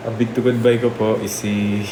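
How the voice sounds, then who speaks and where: A young man nominating fellow housemates, halting and full of fillers and restarts. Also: lowish voice. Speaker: reality show housemate. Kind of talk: nomination confessional. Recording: echoey room with steady noise.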